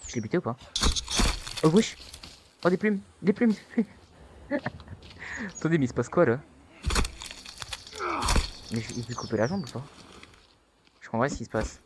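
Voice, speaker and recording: A young man giving casual let's-play commentary, taunting and excitable, with sudden high-pitched yelps. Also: moderate pace, long pauses, noisy background. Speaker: gaming youtuber.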